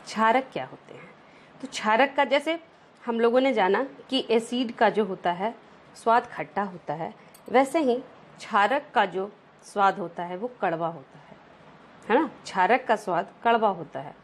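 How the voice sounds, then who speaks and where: A woman's voice: mid-range voice, moderate pace. A woman teaching a science lesson over slides, often checking in with rhetorical questions and mixing English terms into her explanations.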